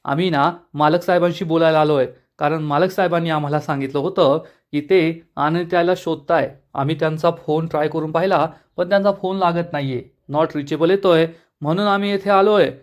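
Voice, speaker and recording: An anxious young woman who pleads and explains, played by a man narrating a serial. Her voice climbs high with worry. She talks quickly and earnestly. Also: fairly even intonation, natural voice. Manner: pleading, upset.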